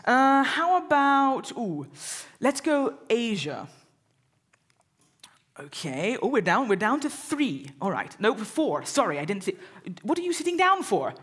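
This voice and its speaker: An Englishwoman hosts a live event in a lecture hall, joking, chatting, and teasing the audience on stage. Her voice is on the high side, sing-song, and a little slow, with a fairly bright yet husky tone.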